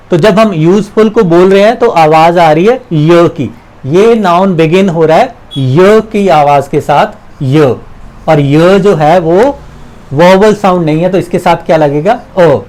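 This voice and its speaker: A man with a high-sitting, darkish voice teaches English grammar on a rough recording. He patiently works through examples, repeats them, and quizzes the viewer with questions in this explanatory lesson.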